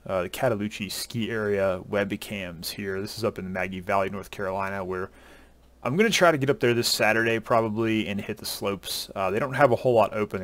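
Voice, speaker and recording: A relaxed man in his thirties talks casually to his viewers through a headset at home. His voice sits slightly low and the talk rambles along, full of uhs and ums. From Southern US. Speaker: ski vlogger. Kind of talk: casual chat to camera. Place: home room at a desk.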